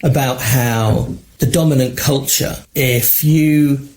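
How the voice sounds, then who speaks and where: A man with a polished, posh London English accent, speaking at an ordinary mid pitch. He thinks aloud in a relaxed podcast chat, hedging his points and laughing easily. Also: slow. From England. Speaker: podcast co-host. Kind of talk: casual conversation.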